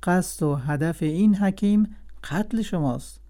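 A man voicing a jealous, scheming vizier who speaks in a smooth, flattering and cunning way, in a storybook reading. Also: high voice, pitched above the performer's own voice, close to an everyday voice. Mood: sly.

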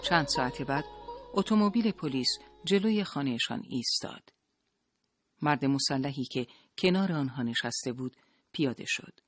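A narrator reading a novel aloud at an even, measured pace. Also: mid-range voice, dry recording, faint music behind. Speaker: audiobook narrator.

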